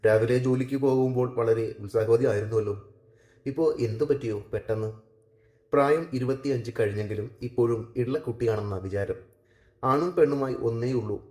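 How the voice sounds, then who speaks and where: A man reading a romantic short story aloud in a steady, measured narration, recorded in an echoey room. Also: mid-range voice.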